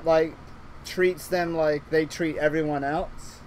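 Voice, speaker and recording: A man with a fairly high voice chats through a visual novel stream, rambling and restarting his sentences and breaking into laughter often. A faint hiss sits under the recording. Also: steady tone, slow pace. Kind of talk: casual let's-play chat.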